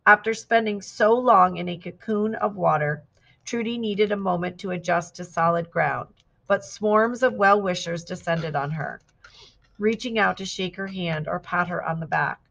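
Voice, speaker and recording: Female storybook reader, lower voice, measured narration. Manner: steady, clear storytelling with lively quoted shouts. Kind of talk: scripted narration of a picture book.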